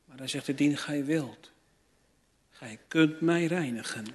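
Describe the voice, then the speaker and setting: Man, preacher, slow deliberate sermon, fervent rising appeals, long hall reverb. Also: fairly high pitch.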